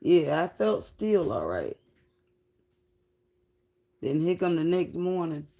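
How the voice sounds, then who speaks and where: Woman livestreamer, unhurried spiritual storytelling, gravelly fry in the voice. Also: sits low, very animated, mellow. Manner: slow, drawn-out, reflective, casual swearing.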